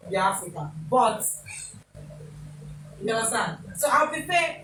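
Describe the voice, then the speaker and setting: A woman's voice: a little high, very animated, measured pace, roomy sound, far from the mic, noisy background. A Nigerian woman hosting a talk show in a casual, opinionated way, slipping into Pidgin turns of phrase. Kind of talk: casual studio interview.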